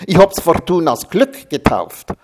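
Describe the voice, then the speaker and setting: A man voicing a loud, exuberant Salzburg woman who makes amateur art, speaking in a Salzburg Austrian dialect with a shrill, sing-song delivery. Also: huge pitch swings, measured pace, background noise. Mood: proud gushing.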